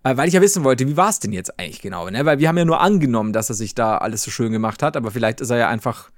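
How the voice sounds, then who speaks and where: A man hosting a casual podcast, telling an anecdote in an animated way and laughing often mid-story. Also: medium pitch, rapid-fire, no room sound, clean studio sound. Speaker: podcast host.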